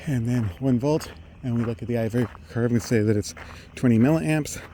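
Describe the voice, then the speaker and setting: A middle-aged man thinks aloud in a halting technical monologue while walking outdoors along a road. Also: mid-range voice, warm tone. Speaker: vlogger. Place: outdoors on a residential roadside. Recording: outdoor street noise, passing vehicles.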